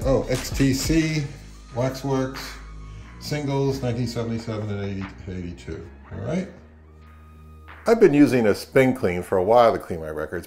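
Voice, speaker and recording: In his living room and kitchen at home, a record collector in his fifties hosts his product review vlog, speaking casually and offhandedly. His voice is mid-range with a darkish tone.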